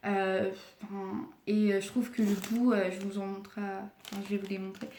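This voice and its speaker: A woman's voice: medium pitch, little pitch movement, normal speed, darkish tone. A young woman vlogger casually unboxing her purchases, talking hesitantly with many fillers and apologies. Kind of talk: casual unboxing haul video. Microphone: camera mic. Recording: echoey room with clear background noise.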